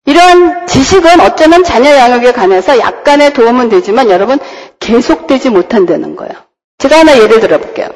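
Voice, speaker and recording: A woman's voice: on the high side, animated, a little fast, a little mellow, poor audio. A woman pastor preaching a sermon, often putting questions to the congregation. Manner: asks the congregation rhetorical questions.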